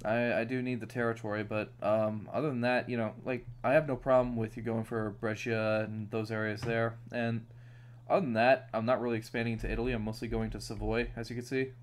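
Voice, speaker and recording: He's from New York, streaming a strategy game with a mid-range, level voice at a fairly quick clip. The talk is easygoing gaming banter, chatty and full of fillers.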